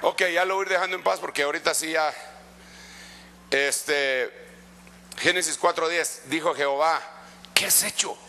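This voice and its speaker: A middle-aged Guatemalan preacher with a raised, gravelly, and bright, forceful voice. He talks to his listeners as brothers, swinging from loud exhortation to hushed asides in a passionate, conversational sermon. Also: fairly high pitch, normal speed, long pauses, slight background noise. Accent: Guatemalan Spanish. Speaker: pastor.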